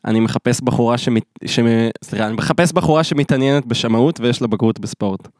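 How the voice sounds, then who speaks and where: A man's voice: medium pitch, no room sound, studio quality. A man co-hosting a podcast, chatting casually and telling stories with lots of acted-out dialogue. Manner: animated storyteller, acts out dialogue. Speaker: podcast co-host. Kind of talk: casual chat.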